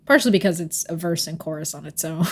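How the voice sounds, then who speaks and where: A woman co-hosting a podcast, chatting in a relaxed way, often laughing and filling pauses with ums. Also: on the low side, husky. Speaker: podcast co-host. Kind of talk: casual chat.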